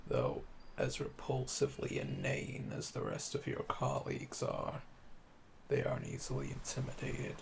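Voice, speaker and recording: Cast as a smug, menacing yandere assassin held in custody, this man performs roleplay audio with an intimate ASMR feel, staying calm and flirtatious. His medium-pitched voice has a sing-song lilt, a gravelly, fry-heavy texture, and frequent dips into a breathy murmur. Smug and insistent, he drawls pet names slowly and teasingly against a noisy ambient background.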